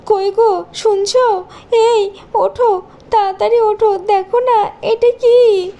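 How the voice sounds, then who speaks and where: A woman narrating a cartoon story in a plain, even storytelling tone. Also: very high-pitched, takes it slowly. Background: faint background music.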